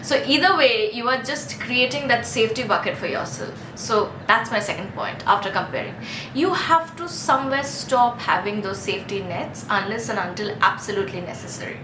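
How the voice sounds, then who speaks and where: An Indian woman in her thirties, a vlogger, talks to camera on a Mumbai street amid ambient noise, giving a casual but earnest self-help talk. Her voice sits on the high side at a normal pace, chatty and full of restarts, with a roomy sound and background noise.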